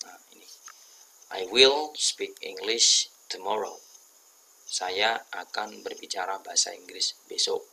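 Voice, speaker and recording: A man teaching a casual spoken grammar lesson, explaining each example slowly and reading the sample sentences aloud deliberately before translating them. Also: low-pitched, vocal fry, sharp tone, a little hiss or hum, poor audio. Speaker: English teacher.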